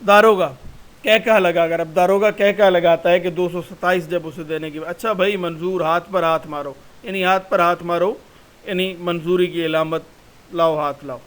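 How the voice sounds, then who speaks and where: A man's voice: high voice, fairly even intonation, rough recording. A man, a college lecturer, reading a passage aloud in a recorded class and explaining it word by word.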